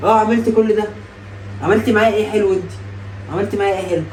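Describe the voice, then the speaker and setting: A man's voice: sits high, fairly even intonation, darkish tone. A young man with an Egyptian accent, teasing and playful in a casual prank vlog. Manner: teasing, playful, rapid-fire. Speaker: prank vlogger. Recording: echoey room, distant mic, background noise.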